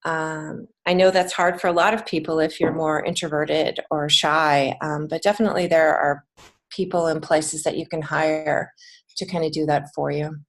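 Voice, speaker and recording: An American woman with a deep voice and fairly even intonation speaks at a moderate pace as a podcast guest. A children's book author and creative writing teacher, she gives casual, encouraging answers in the interview.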